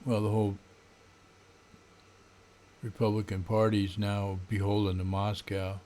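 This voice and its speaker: Older American male, 70s, lowish voice, halting and disdainful, grumbling political rant at a desk mic. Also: monotone, dark tone, slight background noise. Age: older, around 70s. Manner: grumbling old-man rant, disdainful and sardonic; halting, with frequent throat clearing. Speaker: political vlogger. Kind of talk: unscripted political rant to camera. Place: small home room, indoors. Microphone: desk condenser microphone.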